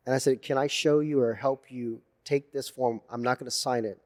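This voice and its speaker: A man telling animated stories as a guest in a casual interview, swearing freely and acting out what others said. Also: mid-range voice, moderate pace. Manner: animated storyteller, swears freely, acts out quotes. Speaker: podcast guest.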